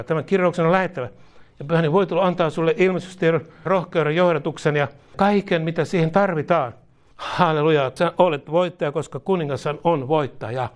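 A man leading a charismatic prayer, repeating each phrase and declaring commands, with bursts of speaking in tongues. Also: on the high side. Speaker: prayer leader.

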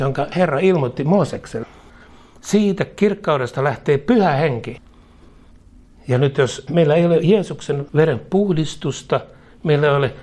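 A man's voice: mid-range voice, darkish tone, breathy edge. A man preaching a charismatic sermon in emphatic, rhythmic repeated phrases, chuckling now and then.

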